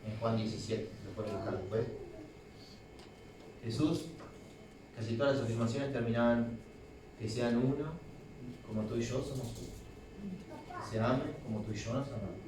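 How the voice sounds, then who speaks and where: Young Uruguayan male preacher, chatty sermon, far from the mic in a very echoey church with steady noise behind. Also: mid-range voice, moderate pace, pauses often. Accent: Uruguayan Spanish. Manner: conversational, with acted-out quotes and restarts. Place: church hall.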